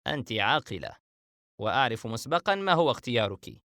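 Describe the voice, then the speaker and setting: A stern brother who pushes his view sharply and insistently, read by a male audiobook narrator. His voice sits at a plain middle pitch. The recording is dry with no room. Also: very animated, fairly quick, pushed and bright, no room sound. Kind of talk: audiobook character reading.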